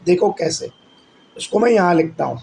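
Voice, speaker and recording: A male math teacher giving a lesson who keeps asking students questions and answering them himself, and who switches between Hindi and English as he dictates slowly from the board. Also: high voice, expressive, creaky, darkish tone, slight background noise, rough recording. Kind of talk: classroom-style lesson.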